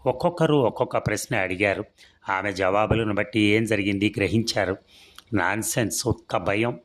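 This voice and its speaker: A man reading a serialized story aloud in a steady, even storytelling manner. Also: lowish voice, moderate pace.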